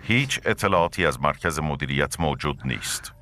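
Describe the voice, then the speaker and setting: A man voicing a calm male computer assistant, replying in a flat, formal way. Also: a bass voice, heavily acted. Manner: flat, formal, machine-like replies.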